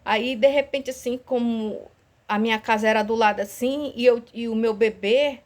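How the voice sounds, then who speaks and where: A woman's voice: fairly high pitch, steady tone, normal speed. A woman telling her dream as an emotional spoken testimony, earnest and pleading, acting out her prayers aloud and anxious, her heart racing. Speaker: church member sharing a dream.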